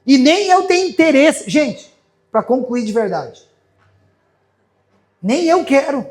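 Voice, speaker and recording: Brazilian male pastor, impassioned sermon delivery, high-pitched voice. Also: big pitch swings, slow. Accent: Brazilian Portuguese. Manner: impassioned, preaching to a congregation.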